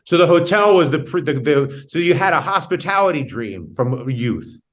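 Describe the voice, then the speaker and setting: Male interview host, halting and conversational. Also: a little high, lively intonation. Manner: halting, rephrasing questions as he goes. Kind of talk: hosting an interview show.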